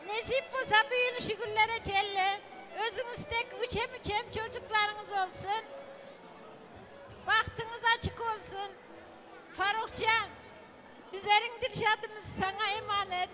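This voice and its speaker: A woman's voice: very high-pitched, fairly even intonation, unhurried. A woman giving a formal congratulatory wedding speech, declaiming her good wishes solemnly. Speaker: wedding guest giving a toast. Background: music.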